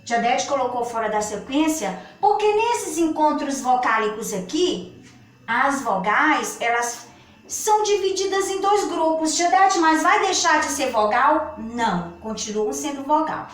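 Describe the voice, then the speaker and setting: A woman with a Brazilian Portuguese accent teaching a children's grammar lesson, speaking slowly and patiently and stretching out her words. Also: sits high, animated. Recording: echoey room, far from the mic.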